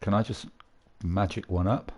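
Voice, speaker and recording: A man's voice: fairly low pitch, fairly even intonation, normal speed, darkish tone, breathy edge. A man hosting a casual gameplay video from a room at home, chatting and rambling with frequent laughs. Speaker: gaming video host.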